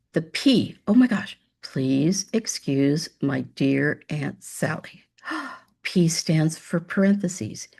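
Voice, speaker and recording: A woman's voice: low voice, gravelly, darkish tone, slightly rough. A woman teaching a demo math lesson over screen share, upbeat and chatty, talking to imagined students.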